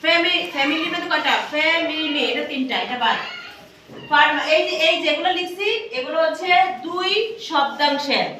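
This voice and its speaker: A woman's voice: high voice, fairly quick, bright, forceful tone. A woman teaching a classroom lesson, asking questions and repeating answers for pupils to echo. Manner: repetitive, drills pupils with questions. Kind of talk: classroom lesson with call-and-response. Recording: echoey classroom from far off, noisy.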